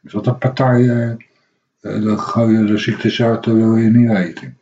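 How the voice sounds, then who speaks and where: A man's voice: on the low side, flat delivery, moderate pace, mellow, slight background noise. A middle-aged man, hosting a radio show and telling a long, rambling everyday story with many hesitations and restarts. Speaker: radio host. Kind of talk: casual anecdotal radio chat. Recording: dull lo-fi radio recording.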